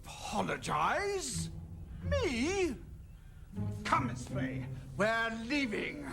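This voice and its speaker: An actor playing a fussy, easily outraged stage director in a sitcom, speaking with melodramatic indignation. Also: male voice, very high voice, wildly swooping pitch, extremely slow, gravelly, over loud music, full character voice. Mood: huffy. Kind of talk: theatrical sitcom acting.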